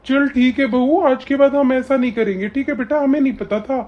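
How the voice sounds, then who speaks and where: A man playing a gentle old grandfather from the village who dotes on the baby and humbly apologizes, in an amateur family drama. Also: extremely high pitch, steady tone, fairly quick, highs cut off. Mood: apologetic. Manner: soft, humble, coaxing.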